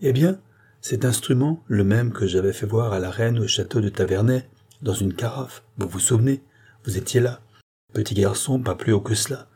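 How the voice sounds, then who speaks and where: A man's voice: on the low side, moderate pace, warm tone, husky. A man voicing Cagliostro, a grandiose schemer. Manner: sweeping, oratorical, relentless. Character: scheming male occultist, cold and grandiose. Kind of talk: audiobook character reading.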